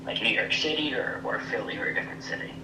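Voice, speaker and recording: Young man over a phone speaker. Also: mid-range voice. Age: young adult. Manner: hesitant, many likes and pauses. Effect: heard over a phone speaker held to the mic. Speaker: friend called in as guest. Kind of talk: casual phone chat. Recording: distant roomy phone speaker, noisy.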